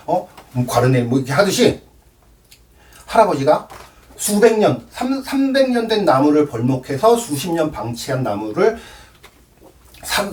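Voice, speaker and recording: A man's voice: a little high, darkish tone, far from the mic. A man giving a cello lesson, explaining with props and counting aloud. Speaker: cello teacher. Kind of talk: demonstration lesson.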